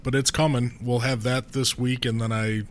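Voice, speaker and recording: A man co-hosting a podcast in casual, sweary chat, sounding rough and sick with flu. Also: mid-range voice, level tone, moderate pace. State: rough, under the weather with flu. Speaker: podcast co-host. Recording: noticeable background noise.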